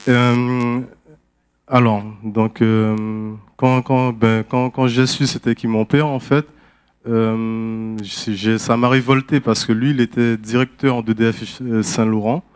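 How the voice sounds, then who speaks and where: A man's voice: medium pitch, little pitch movement, slow, clean tone. Man. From French Guiana. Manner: candid, conversational, hesitant. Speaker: person giving a testimony. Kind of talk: spoken personal testimony.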